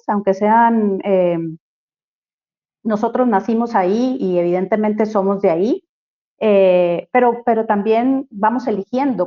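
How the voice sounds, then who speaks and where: A Costa Rican woman with a Costa Rican accent is a guest in a casual interview about human rights. Her medium-pitched voice is reflective and halting, full of fillers and restarts as she searches for words, on dull lo-fi audio.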